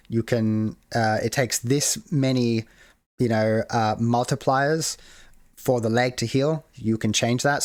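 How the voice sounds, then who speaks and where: A man's voice: mid-range voice, no echo, clean studio sound. A man hosting a casual screen-share tutorial on building a game mode, rambling with many fillers and restarts. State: hiccuping. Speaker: game modding tutorial host.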